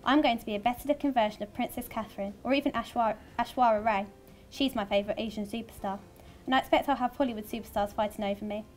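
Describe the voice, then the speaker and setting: A woman reading a first-person story aloud in a chatty, lively storytelling manner. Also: a little high, fast, soft background music. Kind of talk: first-person audiobook narration.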